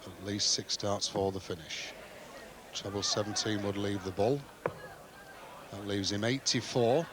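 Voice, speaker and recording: A man's voice: on the low side, fairly even intonation, a little slow, pauses often. A man giving live television darts commentary in terse phrases. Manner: terse phrases, reading out checkout combinations. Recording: noisy TV broadcast over loud crowd. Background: very loud crowd noise.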